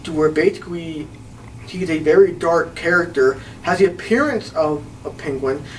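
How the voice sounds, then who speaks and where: A man co-hosting a casual film podcast, agreeable and quick with short affirmations. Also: fairly high pitch. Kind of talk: casual chat about films. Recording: distant mic with faint ambient noise.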